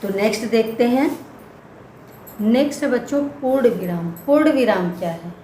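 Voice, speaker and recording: A woman's voice: a little high, moderate pace, dark tone. A woman teaching a grammar lesson for children, patiently repeating example words one at a time. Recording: echoey room with faint background noise.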